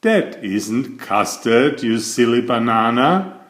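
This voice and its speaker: A man voicing a silly, excitable male storybook character who exclaims and urges his friend on. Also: mid-range voice, slow pace. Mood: excited. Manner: exclaiming, urging.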